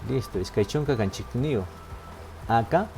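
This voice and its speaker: A man's voice: medium pitch, expressive, normal speed, darkish tone, soft background music. A man teaching a language class online, patient and step by step, often checking in with his students. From Peru. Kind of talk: online lesson, explaining step by step.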